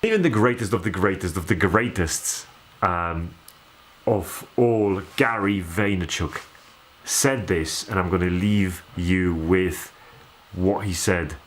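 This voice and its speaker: An earnest man with a lowish voice talks to camera in a reflective vlog. He speaks thoughtfully, pausing now and then on small fillers. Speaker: vlogger.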